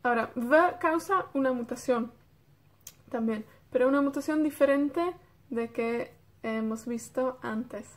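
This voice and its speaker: A woman's voice: high voice, measured pace. A woman from Wales with a North Welsh accent, teaching a beginner Welsh lesson in Spanish, patiently checking in with her students and drilling words.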